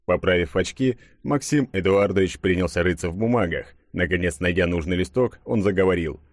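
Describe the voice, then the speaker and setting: Low-voiced male audiobook narrator. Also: fairly quick, no room sound, clean studio sound.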